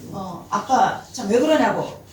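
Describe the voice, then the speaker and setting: A woman's voice: mid-range voice, expressive, unhurried, a little mellow, a little hiss or hum. A middle-aged woman pastor, telling a testimony sermon with dramatic storytelling. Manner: dramatic storytelling, acting out quoted prayers. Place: church sanctuary. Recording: echoey hall from far off.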